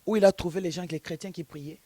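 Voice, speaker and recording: A woman's voice: fairly low pitch, fairly even intonation, fast, mellow, breathy edge, no room sound. Emphatic woman pastor telling stories. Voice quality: emphatic, storytelling. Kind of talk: preaching interview, telling a story.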